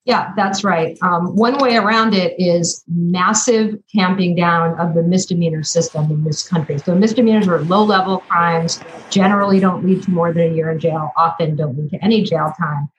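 Woman legal expert guest, lowish voice, calm explanation, faint noise behind. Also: low-quality recording. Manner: measured, explanatory. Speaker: law professor guest. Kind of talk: remote news interview.

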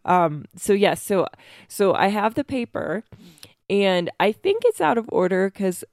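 Tired, giggly woman podcaster with gravelly voice. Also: mid-range voice, big pitch swings, a little slow, darkish tone, no echo, studio quality. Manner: rambling, giggly, many "like" fillers. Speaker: podcast co-host. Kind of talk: casual chat. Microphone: close studio mic.

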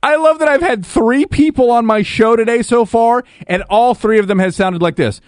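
A male radio host chatting casually with callers, teasing and joking in quick banter. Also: very high voice, no room sound. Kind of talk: casual call-in radio chat.

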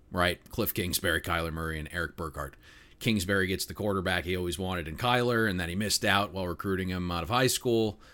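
A man's voice: sits low, a bit bright. A man co-hosting a sports betting podcast, talking casually and opinionatedly with lots of fillers. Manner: opinionated, rambling with frequent fillers. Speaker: podcast co-host.

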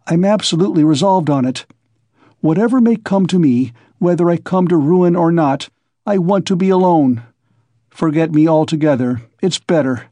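A man's voice: on the high side, warm tone, no room sound. A man voicing a tormented young man, feverish and resolute, who talks in tense, clipped pleas.

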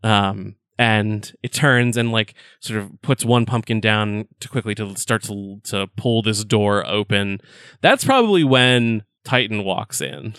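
A man's voice: fairly low pitch, unhurried, fairly bright tone, smooth, dry recording, studio quality. A man narrating as game master of a tabletop game, rambling with fillers.

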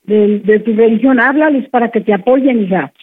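Woman doing a fussy worried mom on the phone, asks a ton of questions, dull muffled radio sound with clear noise. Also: on the high side, moderate pace, natural voice. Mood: scolding. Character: worried older mother on the phone. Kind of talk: radio prank sketch.

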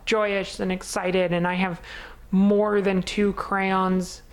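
A woman's voice: mid-range voice, little pitch movement, takes it slowly, rough recording. A woman co-hosting a podcast in casual chat, chatty and upbeat, laughing often, speaking close into her mic in a small apartment. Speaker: podcast co-host.

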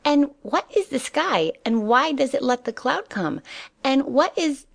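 Lady putting on a squeaky baby bunny boy, high and bouncy, all excited questions. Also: unhurried, gravelly, full character voice. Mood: curious. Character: eager curious baby boy rabbit.

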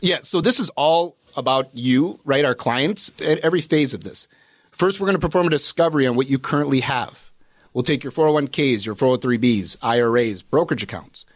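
A man's voice: medium pitch, no room sound. A man talking through retirement planning as a financial advisor, in a loose, explanatory manner full of filler words. His voice sits in the middle of the range and is recorded close and dry, with no room sound. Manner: explanatory, with many "you know" fillers. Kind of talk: casual radio chat.

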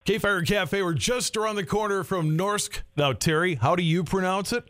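Chatty radio host, dry close sound. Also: male voice, high-pitched, moderate pace, a bit bright, no room sound, soft background music. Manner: chatty, laughs easily, rambling storyteller. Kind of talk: casual radio interview chat.

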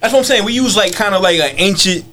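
A man's voice: high voice, lively intonation, quick pace, sharp tone, a little hiss or hum. A man co-hosting a casual podcast chat, talking in loose slang and laughing often.

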